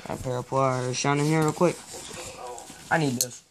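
A man, slowly listing the gear in his tackle box in a low-key late-night chat at home. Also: fairly even intonation, crowd noise. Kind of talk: casual late-night show-and-tell. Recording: noisy home phone video.

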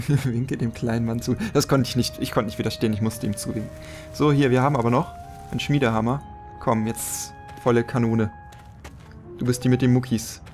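A man's voice: mid-range voice, fairly even intonation, a little fast, a little mellow, soft background music. A man giving casual, joking game commentary as a let's player, thinking aloud as he plays.

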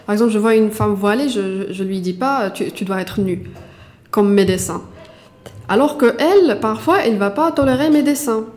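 A young woman with a Moroccan accent in French, giving halting, conversational interview answers with repeated words. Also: mid-range voice, a little mellow. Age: young adult. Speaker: interview guest, artist. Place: small radio-style studio. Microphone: desk microphone with pop filter.

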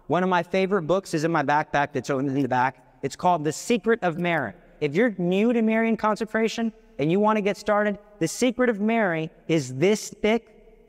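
Passionate high-voiced man in a reverberant hall. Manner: passionate and emphatic, with big swings in pitch; joking asides. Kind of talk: live devotional talk.

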